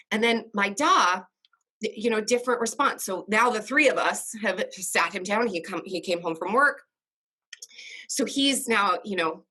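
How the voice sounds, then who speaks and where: A woman in her forties sits as an interview guest and tells a personal story with earnest feeling. Her voice sits at an ordinary middle pitch. She talks in quick bursts and gets emotional. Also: bright, forceful tone.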